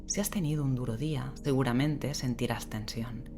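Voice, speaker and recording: A female meditation guide with a very deep register leads a guided sleep meditation, giving slow, soothing instructions in a gentle, unhurried bedtime manner full of long pauses. Relaxing rain and soft music sit prominently in the background.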